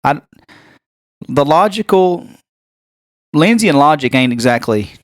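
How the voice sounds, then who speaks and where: A man's voice: on the high side, measured pace, no echo, clean studio sound. A man, co-hosting a podcast and telling a story in an exasperated rant. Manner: animated storytelling, rising to loud exasperation. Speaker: podcast co-host. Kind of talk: casual ranting chat.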